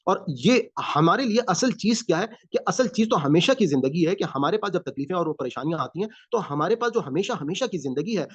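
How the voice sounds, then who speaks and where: A man teaching a Quran class over a video call, explaining calmly with frequent pauses and fillers. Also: high voice, slightly rough, no room sound. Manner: calm explaining with many fillers. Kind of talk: online class lecture. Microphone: video call mic. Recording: dull lo-fi video call audio.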